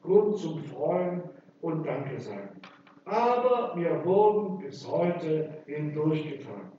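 Man preaching slowly in an echoey church. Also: fairly high pitch, sing-song, warm tone, a little hiss or hum. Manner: emphatic, with slow stressed phrases. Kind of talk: sermon. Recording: echoey church from far off, dull sound.

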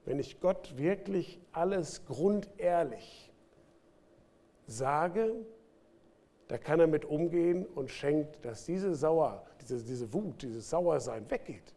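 A man preaching a sermon to his congregation, speaking with lively swings between loud bursts and quiet asides. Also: a little high, slow pace. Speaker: pastor. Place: church.

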